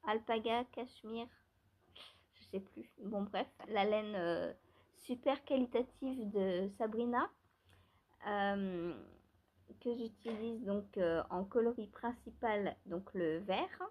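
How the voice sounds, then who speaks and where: A woman's voice: medium pitch, takes it slowly, a little mellow. A woman vlogger chatting casually about her knitting, rambling with many fillers, restarts and small laughs. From France. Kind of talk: casual chat.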